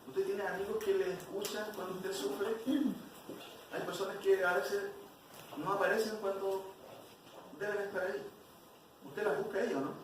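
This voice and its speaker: Guy teaching bible class, kinda high voice, keeps asking the room stuff, far off mic in a super echoey noisy hall. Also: steady tone, normal speed, pauses often. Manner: questions the class, frequent "¿cierto?". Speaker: Sunday school teacher. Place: church hall.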